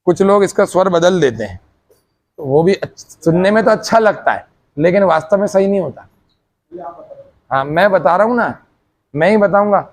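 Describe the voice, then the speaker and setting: High-voiced man teaching a class. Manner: explains step by step, checks often whether the class understood. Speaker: meditation teacher.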